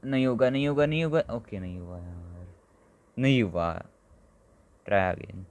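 A man with a fairly low voice talks through a mobile football game as he plays it. His commentary is casual and excitable, full of quick exclamations, and he addresses his viewers like friends. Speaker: gaming channel host. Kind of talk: casual live gameplay commentary.

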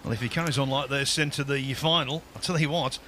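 A man's voice: medium pitch, fast, bright, forceful tone, slight background noise. A man commentating on a pool match, giving emphatic, punchy remarks backed by stats. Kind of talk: live sports commentary.

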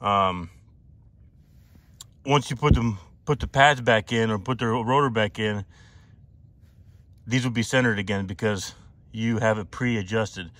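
A man's voice: fairly low pitch, unhurried, pauses often, a bit bright, dry recording. Guy in the woods doing a chill bike review, lots of um and uh, restarts a lot, action cam audio. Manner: rambling, with many fillers and restarts. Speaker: mountain bike vlogger. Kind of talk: casual hands-on review. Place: outdoors on a wooded trail.

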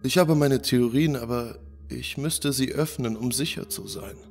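A man's voice: mid-range voice, a little slow, creaky, a little mellow, faint music behind. A man voicing a brilliant, irritable male doctor who explains things precisely in a lecturing way, in a spoken horror story.

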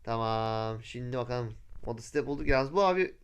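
A young man with a Turkish accent giving casual, excitable commentary while playing a video game, whooping loudly at stunts. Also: medium pitch, a little fast, clean tone. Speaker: gameplay YouTuber.

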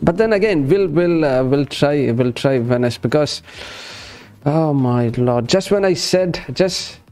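A man's voice: on the high side, lively intonation, a little slow, darkish tone, clear, resonant tone, soft background music. A man, chatting casually as a gaming livestream host, chummy and repeating short phrases. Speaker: live streamer and host. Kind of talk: casual gaming livestream chat, greeting viewers. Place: indoor streaming setup.

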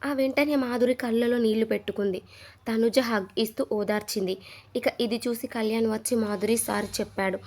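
A woman narrating a dramatic episode recap; she gets louder when retelling arguments. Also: a little high, steady tone, brisk.

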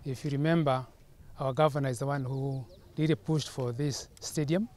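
A man, a county official speaking earnestly to the press outdoors, with "uh" pauses and restarts. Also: mid-range voice, steady tone, a little mellow. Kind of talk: press statement. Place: outdoors at a stadium. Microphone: handheld press mics.

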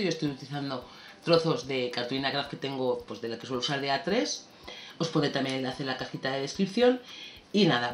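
A woman's voice: low voice, slight background noise. Chatty woman narrating a craft tutorial. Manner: chatty, relaxed, thinking aloud while working. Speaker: scrapbooking tutorial host. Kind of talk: casual craft tutorial voice-over. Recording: roomy sound with faint background music.

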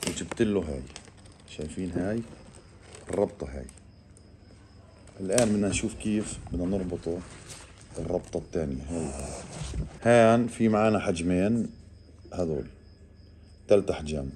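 A man, casually explaining to viewers while calmly coaxing an animal, often in a hushed voice. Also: low-pitched, a little hiss or hum. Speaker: reptile keeper vlogger. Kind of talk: casual handheld animal vlog.

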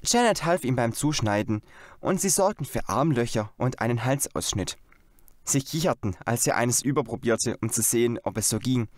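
Expressive male audiobook narrator. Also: mid-range voice, moderate pace, no room sound, studio quality. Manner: expressive storytelling. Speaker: audiobook reader. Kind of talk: scripted narration.

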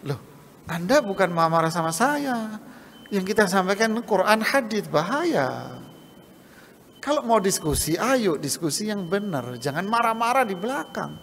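A man preaching a sermon in a mosque, lively, and he often mimics scoffers and salesmen in quick asides. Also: high voice, creaky, big-room sound, a little hiss or hum. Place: mosque hall.

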